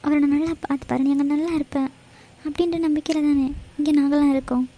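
A woman's voice: high-pitched, steady tone, fast talker, warm tone, lightly acted, rough recording. A woman voicing a scolding, worried friend. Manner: scolding, exasperated. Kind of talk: cartoon voice acting.

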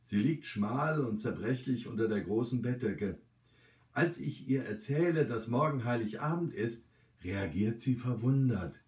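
A man narrating a written story in a calm, gentle reading voice with a medium pitch. The sound is roomy, and he seems to sit some distance from the microphone. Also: a little slow. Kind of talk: scripted narration. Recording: roomy, from the mic.

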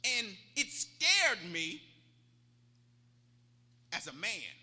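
A man's voice: high voice, wildly swooping pitch, drawn-out words, sharp tone, husky, big-room sound. A man preaching a sermon as pastor, retelling a story in an emphatic way with stammering restarts. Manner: retells a story, acting out both sides of the talk. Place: church sanctuary.

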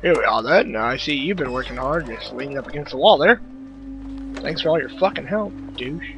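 Gravelly, sarcastic gaming commentator. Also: male voice, medium pitch, fairly quick, music in the background, rough recording. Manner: sarcastic, profane, joking. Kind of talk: let's play commentary.

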